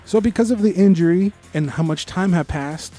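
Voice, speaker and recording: A man with a high, warm voice co-hosts a podcast, offering opinionated, informal review chat sprinkled with bits of trivia. He talks at a moderate pace over soft background music.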